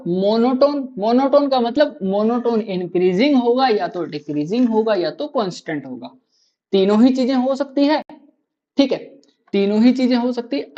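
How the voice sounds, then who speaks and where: A man's voice: high-pitched, a little mellow. A male maths teacher runs a live online class, firing questions at his students and repeating each answer to drive it home. His voice comes through a dull, lo-fi recording. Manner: quizzes students with constant rhetorical questions; repeats key answers to drill them in.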